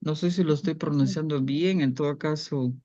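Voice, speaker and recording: A language student slowly and carefully reading out practice sentences in class, then asking the teacher for help. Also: mid-range voice, fairly even intonation, mellow, no echo, dull audio. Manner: slow, careful syllable-by-syllable reading.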